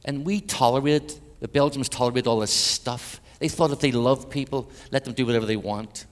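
An Irish man preaching an evangelistic sermon with personal testimony in a large church, swinging between loud emphatic peaks and hushed passages, with wry humorous asides. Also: medium pitch, steady tone, normal speed. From Ireland. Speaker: guest preacher, minister to Europe. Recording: church hall with long reverb.

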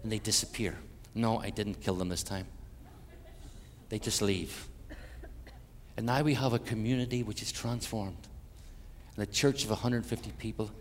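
Older Irish missionary preacher, joking storyteller; echoing hall sound. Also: male voice, fairly low pitch, normal speed, long pauses, slight background noise. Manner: animated, jokey storyteller. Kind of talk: storytelling sermon. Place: church hall with a congregation. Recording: echoey hall, faint ambience.

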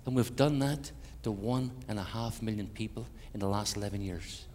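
Jokey older Irish preacher in a hall. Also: male voice, on the low side, normal speed, heavy background noise. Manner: animated, jokey storyteller. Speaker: missionary preacher. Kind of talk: storytelling sermon. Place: church hall with a congregation. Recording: echoey hall, faint ambience.

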